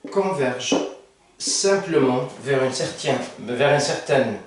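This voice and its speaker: A man's voice: mid-range voice, animated, slow, slight background noise. Echoey, hesitant male math teacher. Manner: hesitant, many fillers and self-corrections. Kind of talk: whiteboard math lesson. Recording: echoey room, mic far off.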